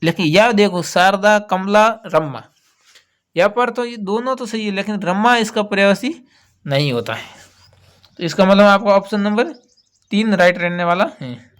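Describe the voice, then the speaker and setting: High-voiced man explaining exam answers. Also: animated, normal speed, a bit bright, clear, resonant tone. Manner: explains patiently, repeating key words. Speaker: teacher.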